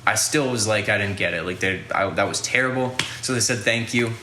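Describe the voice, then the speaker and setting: Young male podcast host, rambling and casual, bright voice in an echoey room. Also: lowish voice, brisk, a little hiss or hum. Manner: rambling, lots of "like" fillers and swearing. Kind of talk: casual storytelling.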